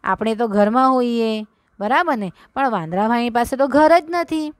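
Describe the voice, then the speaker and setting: A primary school teacher reads a story aloud slowly with young children, line by line, repeating lines before explaining it and quizzing them. Her slightly high voice is expressive, with no echo.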